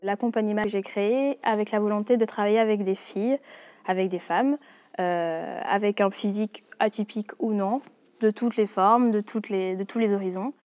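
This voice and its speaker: Young woman in her twenties from French Guiana, a dancer-choreographer, speaking in a mid-pitched voice in an interview with many fillers. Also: steady tone, normal speed. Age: 20s. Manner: hesitant, many fillers and restarts. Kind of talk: interview monologue.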